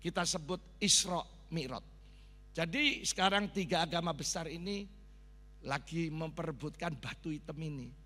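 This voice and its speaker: Javanese pastor guy, high bright voice, acting out sounds, big church hall echo. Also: moderate pace. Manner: animated storytelling with sound effects and Javanese asides. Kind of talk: sermon testimony. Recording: long reverb of a church hall.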